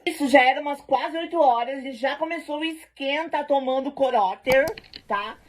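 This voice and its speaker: A woman telling a party story to camera in a casual, animated and slangy way. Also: high-pitched, normal speed, slight background noise.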